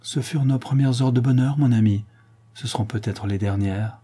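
A man reading an audiobook, voicing a tender, earnest young woman in love, softly and gravely. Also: medium pitch, normal speed, lightly acted.

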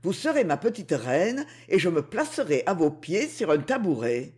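A woman's voice: on the low side, sing-song, moderate pace, darkish tone. A woman voicing a coaxing, boastful underworld king. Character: underworld king, smooth-talking and possessive. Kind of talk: audiobook character reading.

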